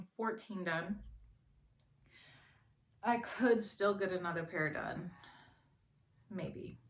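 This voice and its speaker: A woman's voice: on the low side, bright, forceful tone. A woman in her thirties chatting casually as a knitting vlogger, rambling and correcting herself with lots of fillers. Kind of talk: casual show-and-tell chat. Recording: echoey room with faint noise.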